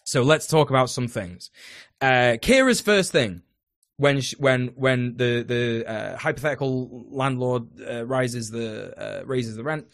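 A man's voice: mid-range voice, measured pace, vocal fry, a bit bright, dry recording, studio quality. A man, hosting a podcast, talking casually with lots of fillers, restarts and the odd swear word. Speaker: podcast co-host. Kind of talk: casual political chat.

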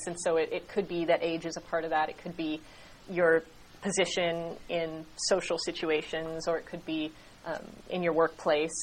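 A woman's voice: on the low side, slight background noise, low-quality recording. A woman as an interview guest, explaining ideas fluently and laughing easily. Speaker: guest expert on interaction and politeness.

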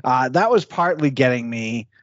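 Casual podcast co-host, male, animated and chatty, dull dry lo-fi sound. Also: medium pitch, moderate pace, no echo. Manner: rambling, heavy use of "like". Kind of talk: casual chat.

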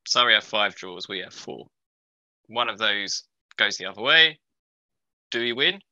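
Male podcast co-host, sharp bright tone, dry sound, analytical casual sports chat. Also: lowish voice, animated, unhurried, no echo, muffled recording.

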